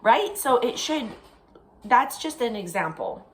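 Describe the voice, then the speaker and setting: A woman co-hosting a casual chat, talking in an animated, chatty way and laughing often. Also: fairly high pitch, unhurried, slight background noise. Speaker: co-host.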